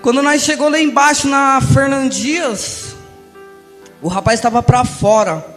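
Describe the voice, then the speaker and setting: Young brazilian guy telling his testimony in church, really high voice, booming hall echo, quiet music underneath. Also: measured pace. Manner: impassioned, swinging from hushed to loud.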